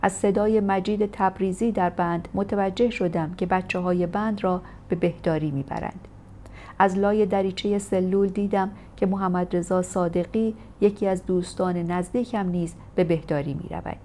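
Woman, lowish voice, audiobook narrator, measured memoir reading, faint background hiss. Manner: steady, measured storytelling delivery. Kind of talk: scripted first-person memoir reading.

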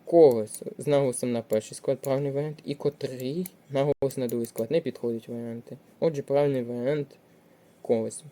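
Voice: medium pitch, steady tone, quick pace, few pauses, dark tone. A tutor walking through exam test answers, reading each option aloud with frequent hesitation sounds and checking it step by step. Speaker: language tutor. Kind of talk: exam prep walkthrough.

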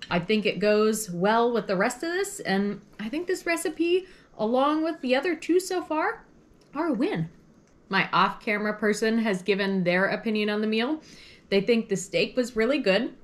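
A woman with an ordinary mid-range voice talks through a tasting at home. She is chatty and easygoing, describing each flavor and texture in detail as she goes. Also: medium pitch. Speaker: food blogger recreating vintage recipes. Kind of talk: casual taste-testing commentary.

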